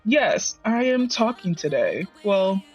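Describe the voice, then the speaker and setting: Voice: medium pitch, very animated, takes it slowly, darkish tone, slightly rough, highs cut off. Voice-changed narrator of ambiguous sex over music. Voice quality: voice run through a voice changer, artificial-sounding. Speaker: host, digital artist. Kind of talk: scripted video narration with casual asides. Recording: music behind the voice. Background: background music.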